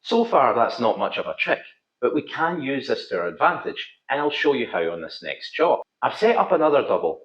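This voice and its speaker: Male instructor, broad Scottish accent, animated pitch swings, tutorial narration in a roomy, echoing space. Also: brisk. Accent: thick Scottish. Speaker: pool instructor, video host. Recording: slightly dull, roomy echo.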